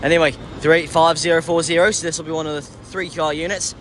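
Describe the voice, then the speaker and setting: A man with a slightly high voice gives casual vlog commentary over clear station noise. He talks hesitantly, correcting himself as he goes. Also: level tone, fast, fairly bright tone. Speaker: trainspotting vlogger. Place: large railway station.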